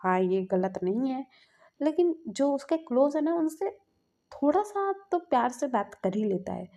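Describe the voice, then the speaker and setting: A woman's voice: sits high, very animated, moderate pace, mellow. A woman casually narrating her own fan fiction story in a chatty way.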